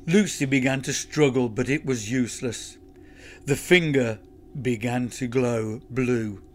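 Slow, expressive male storyteller. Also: medium pitch. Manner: lively, expressive reading. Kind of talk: storybook narration.

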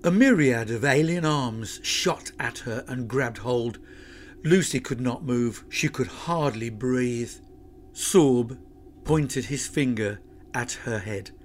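A man narrating a children's adventure story in a lively, expressive reading. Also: mid-range voice, slow, a little hiss or hum.

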